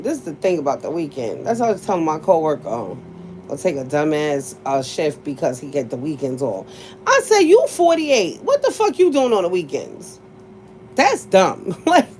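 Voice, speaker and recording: A woman's voice: medium pitch, a little mellow, slight background noise. Blunt, profane woman chatting on a live stream. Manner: blunt, profane, laughs often. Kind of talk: casual livestream chat with viewers.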